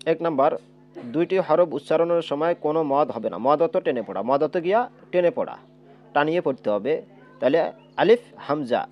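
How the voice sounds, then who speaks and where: Man, fairly high voice, Quran reading teacher, asks and answers his own questions, dull lo-fi recording. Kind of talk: step-by-step lesson with drawn-out letter demonstrations. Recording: dull lo-fi sound.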